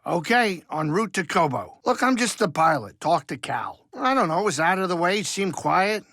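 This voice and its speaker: In animated video game dialogue, a small-time alien starship pilot chats away in full character voice, high and bright, grumbling and joking folksily but kind at heart. He speaks at normal speed with very lively pitch shifts, in a close, dry recording with no room sound.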